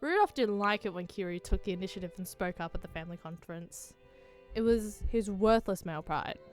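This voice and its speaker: Woman, casual read-along of a visual novel, swears often, mid-pitched voice, soft music behind. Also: animated, fairly quick. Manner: swears and laughs at her own voice attempts.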